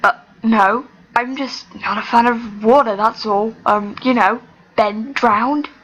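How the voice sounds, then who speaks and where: A woman's voice: fairly high pitch, steady tone, slow, fairly bright tone, poor audio. A woman reading as a jumpy young ghost boy. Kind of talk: fan fiction read aloud.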